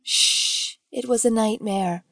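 A woman's voice: high-pitched, big pitch swings, normal speed, dry recording, studio quality, voice pushed up. A woman narrator voicing a caring young mother who comforts and scolds her son. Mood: soothing. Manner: tender but sharp when scolding.

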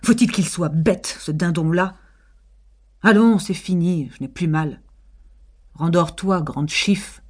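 Woman reading as a sharp-tongued nagging wife, husky, raised voice, storybook. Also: on the low side, slow, pauses often. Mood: scornful. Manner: sarcastic, scolding, raised voice. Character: scornful shrewish middle-aged wife, sharp-tongued.

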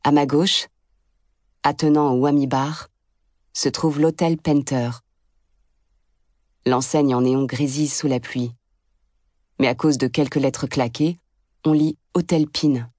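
A woman's voice: rumbling low, steady tone, a little slow, pauses often, darkish tone, no echo, clean studio sound. A woman reading an audiobook as a blunt, sardonic first-person narrator.

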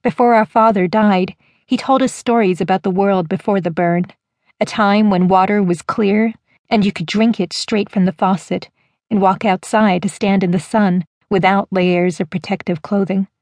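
Woman, audiobook narrator, first-person storytelling, measured delivery, dry studio sound. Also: mid-range voice, steady tone, a little mellow, no echo.

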